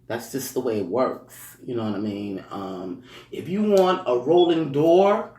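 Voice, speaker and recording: A man giving casual motivational talk, rambling with lots of "you know" and "um" and chuckling between points. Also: on the high side. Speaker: speaker sharing life advice. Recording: roomy echo, distant mic.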